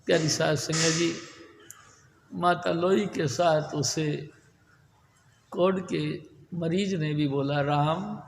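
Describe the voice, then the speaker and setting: A man's voice: on the high side, steady tone, slow, creaky, pauses often, slight background noise. A man preaching a devotional sermon, telling a story earnestly to a congregation. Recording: echoey hall with long reverb.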